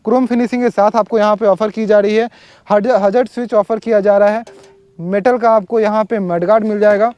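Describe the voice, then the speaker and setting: A man's voice: high-pitched, fairly even intonation, a little fast, no room sound, dull audio. A man giving a casual, conversational motorbike review outdoors, explaining features with frequent fillers. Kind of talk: casual product walkaround. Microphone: wireless or helmet mic.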